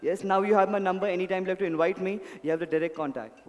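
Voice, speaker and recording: A male stage magician works an audience with courteous, showy patter. His voice sits high for a man. It rings through a large reverberant hall, with music underneath. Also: steady tone, rapid-fire, muffled recording. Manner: showman, polite, addresses volunteers with repeated pleas. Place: indoor event hall, on stage. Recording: echoey hall PA, music behind.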